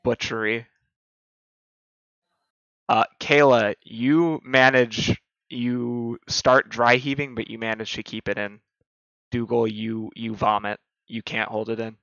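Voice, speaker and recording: A man acts as game master for a tabletop game. His voice is bright and sharp. He describes scenes in a dramatic, halting way, on a slightly muffled, roomy recording. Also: medium pitch, steady tone, gravelly. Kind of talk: narrating a tabletop role-playing game.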